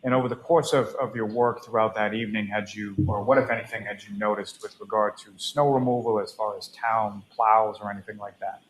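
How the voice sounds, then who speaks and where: A man serving as prosecutor, asking a witness measured, halting questions with frequent pauses and throat clearing, heard through a courtroom recording. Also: on the low side, steady tone, a little hiss or hum, poor audio.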